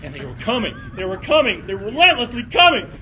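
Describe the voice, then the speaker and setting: A man telling a dramatic campfire story theatrically, swinging from hushed tones to shouting. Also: high-pitched, huge pitch swings, fast talker, poor audio.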